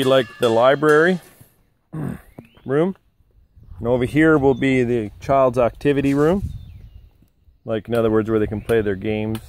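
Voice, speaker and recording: Touring the timber frame of the house he's building, this middle-aged man narrates casually outdoors into a handheld camera, rambling with plenty of fillers. His voice sits at medium pitch and sounds a little mellow, with slight hiss or hum in the audio.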